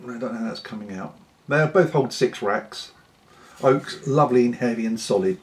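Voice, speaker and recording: A British man in a casual, unscripted vlog chat, talking in an unhurried, rambling way with pauses. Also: medium pitch. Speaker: pipe-smoking vlogger.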